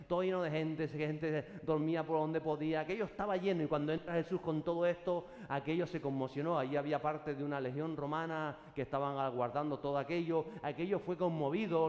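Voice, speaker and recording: A man preaching a sermon to his congregation, his voice a little on the high side. Now and then he rises into loud shouted acclamations. The sound rings through a roomy hall with a long, lingering reverb. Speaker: pastor.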